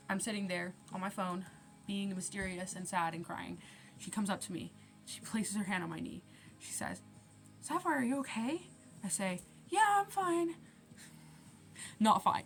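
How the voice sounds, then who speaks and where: With a low, creaky voice, a teenage vlogger rambles her way through a casual storytime rant. She acts out the conversations as she goes, getting louder and softer as she quotes each one.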